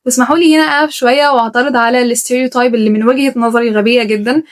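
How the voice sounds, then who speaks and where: A woman's voice: on the high side, fairly even intonation, racing. A woman with an Egyptian Arabic accent, talking to her channel about learning languages in a blunt, emphatic way, full of rhetorical questions. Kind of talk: opinionated vlog talk to camera.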